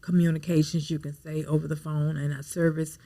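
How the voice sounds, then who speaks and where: A woman co-hosting a talk show, chatting with affirming remarks and lively exclamations. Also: deep voice, a little fast, dry recording. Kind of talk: casual talk show conversation.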